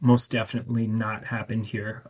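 A man's voice: on the low side, flat delivery, normal speed. A man, a music festival curator, speaking as a guest on a radio interview, thoughtful and hesitant with many fillers.

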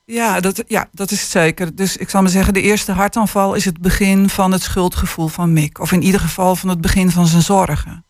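A woman author, a guest on a radio show, speaking in a measured, somewhat hesitant way and reading from her book. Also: lowish voice, steady tone, no echo, studio quality. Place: radio studio. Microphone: studio microphone.

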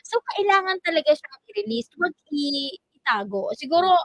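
A high-pitched woman DJ whose voice jumps up and down as she chats. She talks quickly and laughs readily. The mic is dry and close. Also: dry recording. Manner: lively, quick, laughs often. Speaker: radio DJ co-host. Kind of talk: casual talk show banter.

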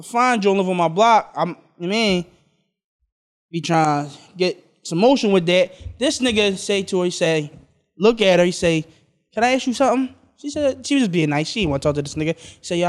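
A young man with a high voice, in his mid twenties, chats on a podcast. He rambles through stories with restarts and laughs along the way. He co-hosts the show. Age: 20s. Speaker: podcast co-host. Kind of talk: casual chat.

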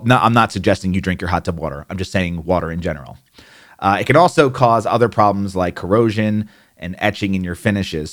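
A man with a New Jersey accent talks through care steps in a casual explainer style. His voice sits a little on the low side, and his delivery is plainspoken and chatty, with the odd aside thrown in. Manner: conversational, plainspoken, with asides and fillers. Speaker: hot tub care instructor. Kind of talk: instructional explainer.

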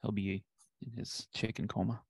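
A man co-hosting a casual sports podcast, dropping wry asides and quick agreements. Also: on the low side, level tone, gravelly, a little hiss or hum. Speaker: podcast co-host.

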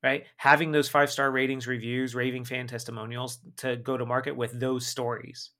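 Speaking at a moderate pace in a mid-range voice, a male marketing expert answers questions as a podcast guest. He makes his points emphatically and energetically, and he tags many of them with "right?"

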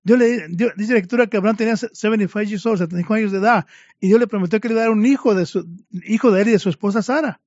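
Fervent high-voiced male preacher, lo-fi. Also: racing, darkish tone, no echo. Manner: fervent, constantly addressing the congregation as brothers. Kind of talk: sermon. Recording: dull lo-fi recording.

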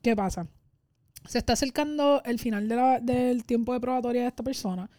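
A woman's voice: on the high side, fairly quick, mellow, no room sound, clean studio sound. A woman telling workplace anecdotes in casual conversation, now and then slipping English words in. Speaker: podcast co-host. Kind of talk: casual storytelling chat.

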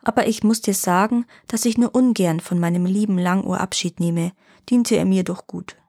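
A woman's voice: mid-range voice, normal speed, close to an everyday voice. Woman reading as a crafty old granddad, sweet-talking and playing hurt, storybook reading. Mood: sly. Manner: wheedling and flattering, then mock-offended. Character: sly poor old grandfather, feigning offense.

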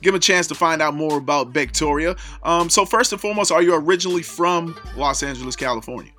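A man's voice: on the high side, quick pace, pushed and bright, soft background music. A man hosting a radio interview show, hyped up and rambling through long questions full of fillers.

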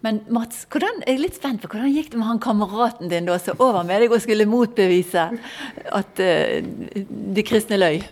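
A woman's voice: mid-range voice, animated, a little mellow. Female host, mid-range voice, friendly interviewer. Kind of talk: interview questions.

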